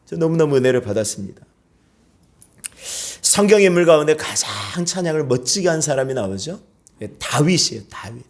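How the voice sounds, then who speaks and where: A man preaching a sermon to a church congregation, lively and calling out praise examples. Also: on the high side, fairly quick. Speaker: pastor. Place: church sanctuary.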